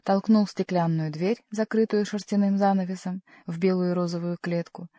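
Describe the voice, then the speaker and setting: A woman narrating a classic novel as an audiobook reader, in a measured, expressive reading. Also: lowish voice, dry recording. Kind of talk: scripted narration.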